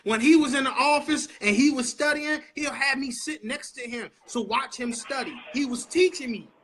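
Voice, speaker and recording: An impassioned preacher man leads a Bible study chat. His voice sits very high and bright, with a forceful edge. He preaches and vents his frustration as he goes. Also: moderate pace. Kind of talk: passionate Bible study discussion.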